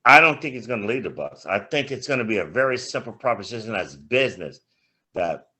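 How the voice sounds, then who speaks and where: Older man, podcast co-host, casual sports chat, bright voice, lively swinging pitch, laughs and swears. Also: a little fast. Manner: animated, laughing storyteller, swears freely.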